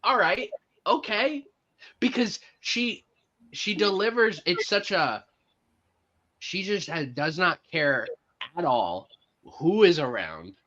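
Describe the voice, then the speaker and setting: A man with a slightly high, bright voice chats casually as a movie review co-host. He praises the acting eagerly and leans on "like" and "uh". His recording sounds dull and lo-fi. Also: very animated, slow. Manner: enthusiastic praise, many fillers like "like" and "uh".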